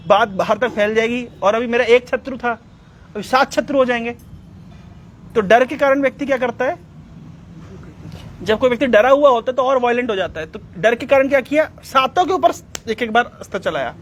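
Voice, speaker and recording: Man giving a devotional story talk, super high voice, lively, throws in english words, a bit of hiss behind. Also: normal speed, long pauses. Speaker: religious speaker.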